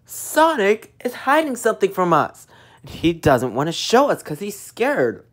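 A woman voicing a grumbly, hotheaded young male echidna for a plush toy fan show, talking loudly and insistently. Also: mid-range voice, sing-song, a little slow. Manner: loud, insistent and defensive.

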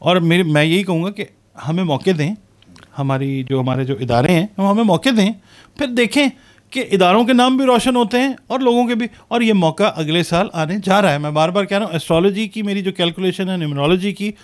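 High-voiced Pakistani man explaining. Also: lively intonation. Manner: measured, explanatory, peppers speech with English terms. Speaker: astrologer and business professor. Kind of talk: interview answers, predictions.

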